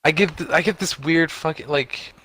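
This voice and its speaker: A young man co-hosts a podcast in animated, casual chat at a normal speed. He swears a lot, and his pitch jumps up when he gets exasperated. The audio is poor, with a little hiss or hum.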